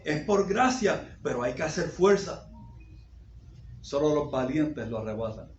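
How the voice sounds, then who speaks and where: Male pastor, fairly high voice, slow deliberate sermon delivery, reverberant sanctuary. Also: very animated, a little hiss or hum. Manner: preaching with repetitions and sudden loud peaks. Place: church sanctuary. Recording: echoey dull church recording.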